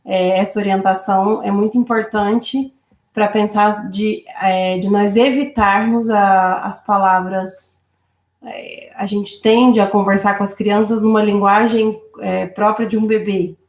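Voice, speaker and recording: A woman's voice: mid-range voice, fairly even intonation, measured pace, a little mellow. A woman co-teaching a parenting course, explaining at length with some fillers. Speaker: co-instructor. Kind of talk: lecture on child education. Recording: echoey room.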